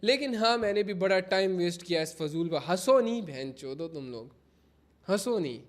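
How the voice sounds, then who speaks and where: A man's voice: high voice, animated, moderate pace. A young man livestreaming in casual chat, mixing English phrases into Hindi while he keeps pleading with his viewers to stop laughing. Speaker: livestreamer giving advice to chat.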